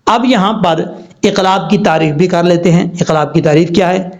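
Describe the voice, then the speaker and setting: A man teaching Quran recitation rules with a Pakistani Urdu accent, spelling out words slowly, letter by letter. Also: high-pitched, darkish tone. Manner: slow, deliberate letter-by-letter spelling. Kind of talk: spelling-out tajweed lesson. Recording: dull lo-fi recording.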